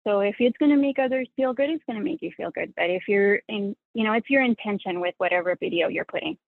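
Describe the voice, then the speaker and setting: Fast-talking and creaky, this medium-pitched woman is heard on a dry, tinny phone line without room sound. As a guest in an interview, the sewing content creator, a native Spanish speaker, reflects earnestly and self-critically.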